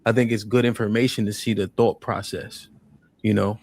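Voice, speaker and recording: A man on a discussion panel, speaking in a measured, probing way. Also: fairly low pitch, flat delivery, a little mellow, no echo.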